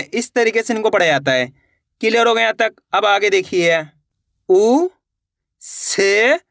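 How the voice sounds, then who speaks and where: A man with a fairly high voice leads a beginner reading lesson, breaking each word into syllables and repeating it patiently. He keeps asking the viewer questions and then answering them himself. The sound is dry and close, with no room around it. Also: fairly bright tone, no room sound. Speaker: teacher.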